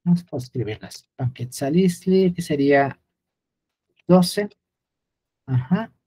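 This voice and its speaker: A man's voice: on the high side, slow pace, dark tone, breathy edge, no echo. A man gives an unscripted lecture, often hesitating with fillers and restarts while pointing things out on a chart.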